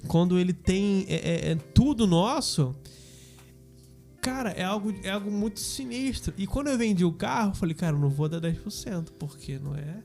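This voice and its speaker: A man with a Brazilian Portuguese accent, a podcast guest telling a personal faith story in a relaxed, slangy, casual way. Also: high voice, moderate pace, gravelly, faint music behind. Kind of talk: casual testimony chat.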